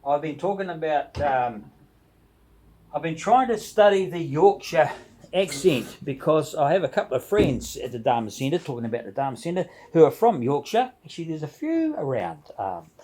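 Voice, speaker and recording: A man's voice: on the high side, sing-song, normal speed, mellow, a little hiss or hum. A man chatting casually and ramblingly to camera as a video blogger, with a jovial, informal, slangy way of talking.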